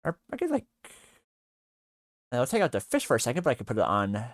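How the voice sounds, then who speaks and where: A male streamer chatting casually on a livestream while working on 3D art, speaking haltingly with many fillers and half-finished sentences. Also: mid-range voice, huge pitch swings, no room sound, clean studio sound.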